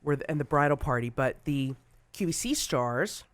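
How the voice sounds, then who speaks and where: A man in his forties, a guest on a talk show, chats easily and tells stories with animated energy. His voice sits fairly high. The recording is dry and close. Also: normal speed, no room sound. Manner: chatty, animated storytelling. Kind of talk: casual chat.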